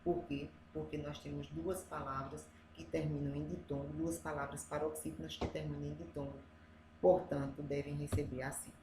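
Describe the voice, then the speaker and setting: A woman's voice: sits low, flat delivery, normal speed. A woman teacher with a Brazilian Portuguese accent, going through review exercises step by step and often checking in with "né?". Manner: explains step by step, often adds "né?". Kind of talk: reviewing exercises for adult students. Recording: echoey room, faint ambient noise.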